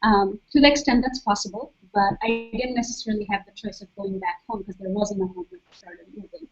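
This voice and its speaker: A soft-spoken young woman from Saudi Arabia, speaking as a guest and calmly explaining her own experience. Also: medium pitch, a little fast, music in the background. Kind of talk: webcast talk. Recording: dull lo-fi webcast audio.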